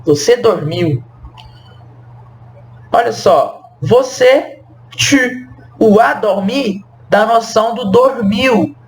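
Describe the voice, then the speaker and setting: Slow, high-voiced male French teacher. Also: slight background noise. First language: Portuguese. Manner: slow, repeats phrases, asks the viewer questions. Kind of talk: explaining a language lesson.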